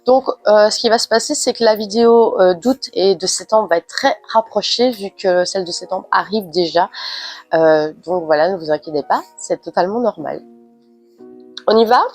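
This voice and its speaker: A woman's voice: medium pitch, moderate pace, a little mellow, soft background music. A woman with a cold and a stuffy, nasal voice, chatting casually through an unboxing with frequent hesitant fillers. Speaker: unboxing vlogger.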